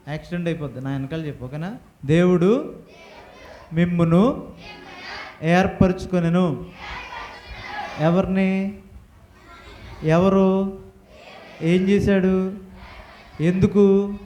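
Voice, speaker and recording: A man teaching a Bible lesson to children, firing questions at the class and having them repeat answers loudly. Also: high voice, slight background noise. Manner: quizzing the class with rapid questions. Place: church hall with children. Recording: echoey hall.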